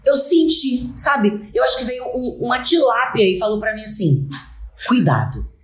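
A podcast co-host tells a story in a casual, dramatic style, acting out the people involved. Her voice is a little high and animated at a normal speed, and the recording has a roomy echo.

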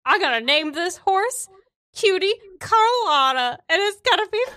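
Woman acting cheerful boastful man, high swooping pitch, showy drawn-out words, tabletop game. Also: sing-song, pushed and bright, no echo, clean studio sound, heavily acted. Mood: showy delight. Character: cheerful boastful man dreaming of a fancy horse.

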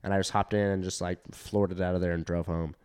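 A man's voice: sits low, fast talker, a little hiss or hum. Rambling, profane comedian man. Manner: rambling, filler-heavy and profane, with animated quoted voices. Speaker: stand-up comedian. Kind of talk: casual storytelling chat.

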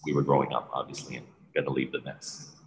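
Very deep-voiced man in a reverberant room. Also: fast talker. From Hong Kong. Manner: relaxed, laughs often between phrases. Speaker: podcast guest. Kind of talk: casual chat. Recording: roomy with long reverb.

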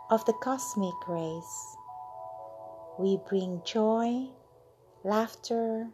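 A woman guides a channeled meditation at an extremely unhurried pace, letting each phrase stretch and trail into a breathy whisper. Her pitch sits in an ordinary middle range, calm and soothing. Soft music plays faintly behind her. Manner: slow, soothing, drawn-out delivery with breathy whispered endings.

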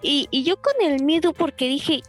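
A woman's voice: high-pitched, moderate pace, soft background music. A young woman with a Mexican accent telling a story in a casual, chatty way, full of fillers and laughs. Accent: Mexican Spanish. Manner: laughs often, chatty fillers, animated retelling.

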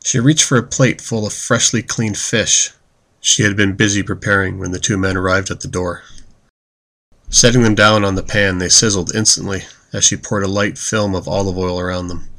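A man narrating a fantasy story in a steady, descriptive reading style. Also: sits low, normal speed. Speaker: audiobook narrator.

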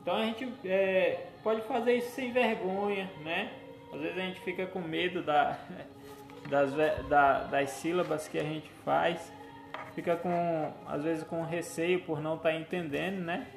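A man preaching a teaching sermon, gently instructive and often checking in with his listeners. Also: fairly high pitch, fairly even intonation, unhurried, gravelly. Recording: echoey room with faint music.

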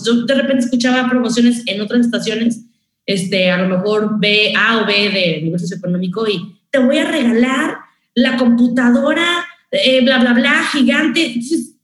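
Mexican woman, radio host guest, lively storytelling, higher voice, echoey room. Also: normal speed. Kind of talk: casual interview chat.

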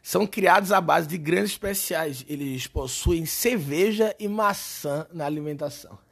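A hoarse, hungover man with a Brazilian accent, telling stories in a slangy, animated, sweary way as a comedian hosting a casual podcast. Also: a little high, normal speed. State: hoarse from a hangover and shouting. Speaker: podcast host and stand-up comedian. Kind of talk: casual comic podcast monologue.

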